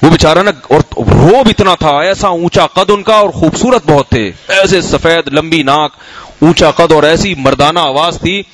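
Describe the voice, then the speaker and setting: A man's voice: fairly high pitch, fairly bright tone, low-quality recording. A middle-aged man from Pakistan, an Islamic scholar giving a conversational sermon, telling anecdotes and asking the audience questions. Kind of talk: sermon and Q&A talk.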